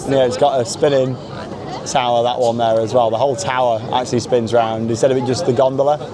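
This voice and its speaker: A male theme park vlogger and host talks fast in a mid-range voice with flat delivery, a crowd audible behind him. Walking around the park outdoors, he gives a chatty, enthusiastic, rambling narration to camera.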